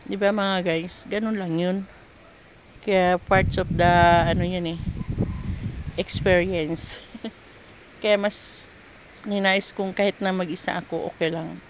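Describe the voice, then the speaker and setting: A woman's voice: on the low side, fairly even intonation, slow pace, long pauses, noisy background. A woman vlogger chatting candidly about her work as a household helper, rambling and restarting as she tells her story. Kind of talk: casual chat.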